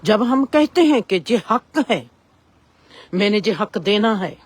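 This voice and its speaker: A woman's voice: mid-range voice, expressive, takes it slowly, darkish tone, breathy edge, no room sound. A woman gives a reflective spiritual discourse and asks rising rhetorical questions. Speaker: spiritual speaker.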